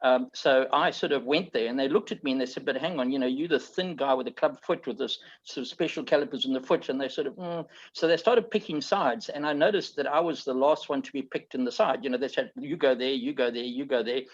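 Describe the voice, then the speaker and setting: A middle-aged man from Zambia, a founder telling his life story in a relaxed, rambling way, often repeating words and saying "okay". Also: mid-range voice, a little fast, hardly any pauses, dull audio. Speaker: founder being interviewed. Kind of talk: conversational storytelling.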